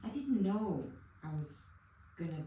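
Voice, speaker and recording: A woman's voice: medium pitch, very animated, measured pace, dark tone, a little hiss or hum. A middle-aged woman in a casual conversation, telling about her therapy journey in an emotional, rambling way full of restarts. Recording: very echoey room, distant mic.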